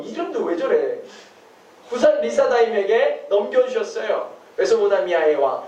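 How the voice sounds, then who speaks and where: Male pastor, high voice, preaching with questions to the congregation; roomy hall, distant mic. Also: darkish tone. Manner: asks the congregation questions and answers them. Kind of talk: sermon. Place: church hall. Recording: echoey hall, mic from far off.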